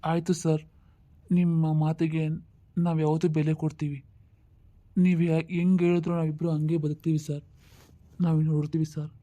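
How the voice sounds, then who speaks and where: A woman's voice: sits low, little pitch movement, moderate pace, long pauses, mellow, lightly acted. A woman playing a young husband who consoles his wife and politely thanks an officer in a skit. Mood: earnest, polite. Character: young husband Arun, soothing and earnest. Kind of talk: comedy skit acting.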